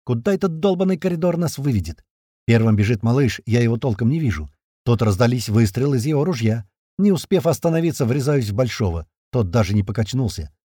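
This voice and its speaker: A man's voice: medium pitch, expressive, fairly quick, warm tone, no echo. A man narrating a first-person action audiobook in a terse, punchy, slangy manner.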